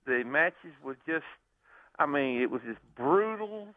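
A man's voice: fairly high pitch, expressive, a little slow, no room sound. A man calling in to a radio show over a phone line, chatting casually in a rambling, enthusiastic way with frequent restarts. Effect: caller heard over a phone line. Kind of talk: casual chat.

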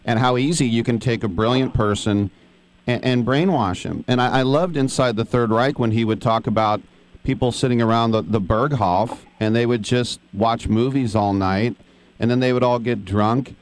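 A radio host with a medium-pitched voice conducts an interview at normal speed. He is talkative and enthusiastic, asking long questions.

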